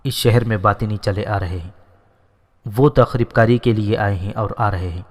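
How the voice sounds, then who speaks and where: Man, storyteller, scripted historical narration, long reverb. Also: on the low side. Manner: reads all characters' lines in his own voice.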